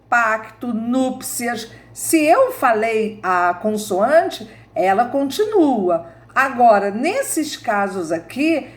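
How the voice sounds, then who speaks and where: Slow, higher-voiced Brazilian woman teaching. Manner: slow and deliberate, checks in with "tá?" after each point. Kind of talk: recorded online grammar lesson.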